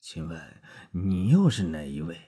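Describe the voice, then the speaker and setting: A man's voice: sits low, very animated, unhurried, mellow, breathy edge, exaggerated voice. A man voicing a cold, contemptuous middle-aged doctor who speaks curtly and icily. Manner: curt, clipped and icy.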